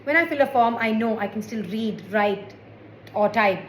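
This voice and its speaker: Forties woman doing stand-up, dry sarcastic jokes, a bit high-pitched, echoey room w faint noise. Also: moderate pace. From India. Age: 40s. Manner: wry, sarcastic asides. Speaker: stand-up comedian. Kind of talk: stand-up comedy set.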